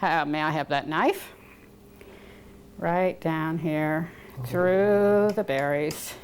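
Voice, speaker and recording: A woman's voice: sits low, takes it slowly, slight background noise. A woman cook giving a step-by-step cooking demonstration in a home kitchen. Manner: patient step-by-step instructing. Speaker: guest cook. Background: clinking dishes and cutlery.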